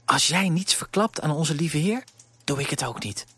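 A man voicing a kind, motherly baker's wife in a storybook reading, gently scolding and warm-hearted. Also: fairly high pitch, moderate pace, slightly rough, no echo.

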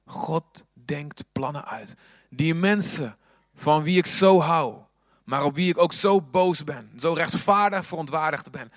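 A man preaching a sermon, moving between hushed, whispered passages and loud, fervent appeals. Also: fairly high pitch, measured pace, no room sound, studio quality.

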